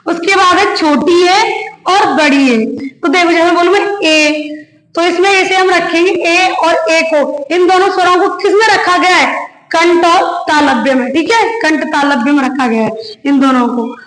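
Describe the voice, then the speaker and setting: A woman teacher giving a slow classroom lecture, repeating each point and quizzing her listeners with questions. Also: very high-pitched, fairly bright tone. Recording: echoey room.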